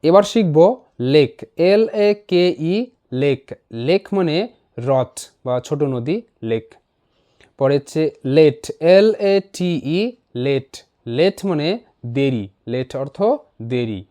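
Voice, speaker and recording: A man teaching an English pronunciation lesson in a voice-over, spelling each word letter by letter and repeating it slowly. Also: fairly high pitch, animated, mellow.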